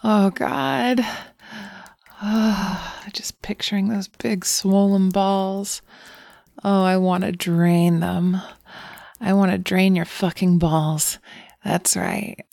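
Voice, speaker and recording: Woman doing a low slow teasing succubus, gravelly, breathy, dry close sound. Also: a little mellow, no room sound. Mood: sultry. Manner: teasing, breathy, slips into whispers. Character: seductive teasing female succubus, playful and wicked. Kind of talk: erotic audio roleplay.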